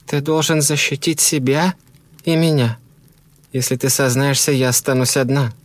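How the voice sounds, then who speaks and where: Guy doing a freaked-out young wife, high and tense, breathless and pushy. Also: flat delivery, moderate pace, no echo, lightly acted. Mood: pleading. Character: frightened, insistent young wife.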